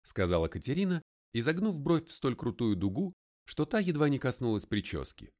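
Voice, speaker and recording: Brief: male first-person audiobook narrator, highly animated pitch. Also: brisk. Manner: expressive, first-person storytelling.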